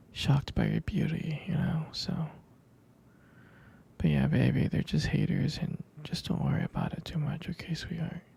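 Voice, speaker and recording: In an ASMR roleplay, a man plays a sleepy, tender young boyfriend, murmuring soft and hesitant reassurance. His breathy, husky whisper sits a little high, and the performance is heavily acted.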